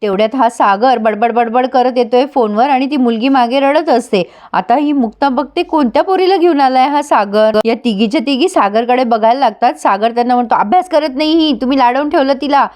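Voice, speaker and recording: A woman recaps a television serial episode in a casual, lively way. Her voice is high-pitched. She chuckles at the characters as she tells the story. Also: brisk, hardly any pauses.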